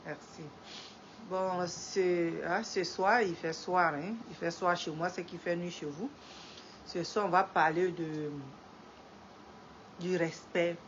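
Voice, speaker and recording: Her voice low and slow with fairly even intonation, a middle-aged woman with a head cold greets live-stream viewers and moralizes at length, repeating phrases and rising emphatically when preaching. The dull lo-fi audio has faint ambience plus a little hiss or hum.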